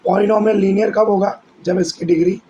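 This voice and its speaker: A male math teacher giving a lesson who keeps asking students questions and answering them himself, and who switches between Hindi and English as he dictates slowly from the board. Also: sits high, steady tone, dark tone, highs cut off, a little hiss or hum. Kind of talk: classroom-style lesson.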